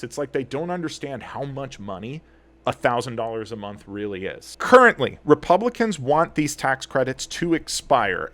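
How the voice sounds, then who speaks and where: A man giving an earnest, animated explainer commentary as an attorney and commentator. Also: medium pitch. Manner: earnest, animated, gets heated.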